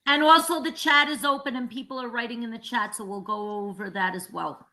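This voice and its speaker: Female co-host, very bright high voice, excitable and effusive, informal podcast style. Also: fairly quick. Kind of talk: informal show hosting.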